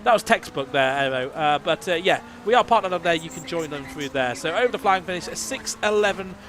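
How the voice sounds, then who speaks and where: A man's voice: on the high side, expressive, brisk, noisy background. Chatty man commentating a sim rally. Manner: chatty, joking, reads stage details. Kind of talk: live sim racing commentary.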